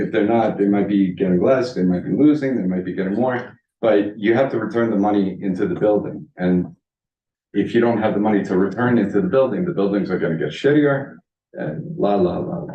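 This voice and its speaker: A man born in the United States, a landlord speaking at a public comment session, blunt and rambling, often restarting his sentences. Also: lowish voice. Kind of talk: public comment at a village board meeting. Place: village board meeting room. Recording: roomy meeting hall, distant dull mic.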